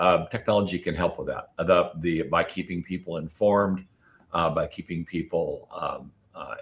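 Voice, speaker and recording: Deep-voiced, analytical male panelist. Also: fairly bright tone. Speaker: panel speaker. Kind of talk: extemporaneous panel commentary.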